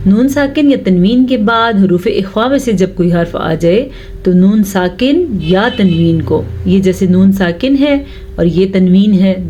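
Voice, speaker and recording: A woman's voice: medium pitch, mellow, muffled recording, a little hiss or hum. A woman teaching Quran recitation rules, explaining them patiently and repeating sounds to correct pronunciation. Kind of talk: tajweed lesson.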